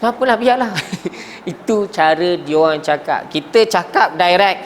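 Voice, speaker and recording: Teaching Arabic grammar in a classroom, this Malaysian Malay-accented man speaks in a high-pitched voice with lively intonation, taking his time. He frequently quizzes the class, coughs, and occasionally breaks off mid-word, and there's a little hiss or hum.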